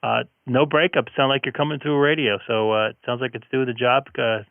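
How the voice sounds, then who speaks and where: Ham operator over AM radio. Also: male voice, medium pitch, steady tone, a little fast, vocal fry, smooth, no room sound. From United States. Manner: rambling, chatty, filler-heavy. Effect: heard over a narrow AM-style radio link. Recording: tinny lo-fi radio audio.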